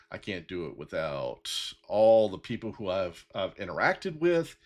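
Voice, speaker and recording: Rambling man in his fifties, lively pitch. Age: 50s. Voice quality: bald-headed. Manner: rambling with many fillers and restarts. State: getting emotional. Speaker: podcast host. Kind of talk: heartfelt solo talk.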